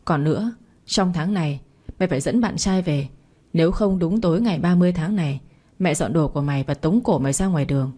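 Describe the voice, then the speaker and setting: A woman's voice: sits low, a little fast, dark tone, slightly rough. A woman voicing a stubborn middle-aged mother who scolds her daughter with blunt commands, in a storybook reading. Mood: scolding.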